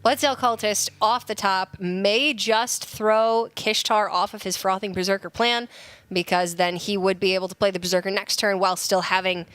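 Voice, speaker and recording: A woman's voice: mid-range voice, steady tone, normal speed, fairly bright tone, clear, resonant tone, no room sound. A woman giving analysis of a card game tournament as co-caster, thoughtful and playful. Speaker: esports analyst. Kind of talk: color commentary.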